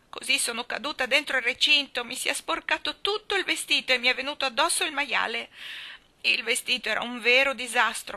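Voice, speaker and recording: A woman's voice: sits high, bright, forceful tone, voice pushed up, full character voice. A woman doing a sobbing, whiny little girl. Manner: tearful wailing complaint.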